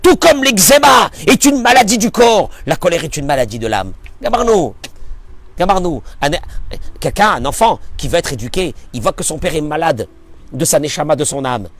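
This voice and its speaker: A man, a rabbi, giving a spoken Torah lesson, emphatic, asking and answering his own questions, swinging from near-shouts to hushed asides. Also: a little high, sing-song, normal speed. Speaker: rabbi teaching a Torah class.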